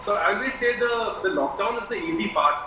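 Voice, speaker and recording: A man gives halting panel remarks in a high voice. He sounds far from the mic in an echoey space, with clear noise. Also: expressive. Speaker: panel guest. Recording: echoey, noisy, distant call audio.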